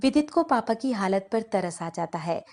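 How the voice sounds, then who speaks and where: A woman reads scripted narration for a family story in a mid-range, slightly mellow voice, with lively intonation at a normal speed.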